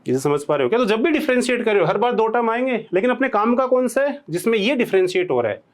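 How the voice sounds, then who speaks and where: Indian male maths tutor, a bit high-pitched, dictates formulas slowly and checks in with the class every line. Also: animated. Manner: checks in constantly with rhetorical questions. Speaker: maths teacher. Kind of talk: blackboard lecture.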